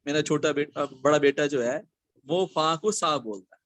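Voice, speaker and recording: A middle-aged man in a casual group discussion, talking thoughtfully and pausing to search for words. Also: a little high, fairly bright tone, dry recording. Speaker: discussion participant.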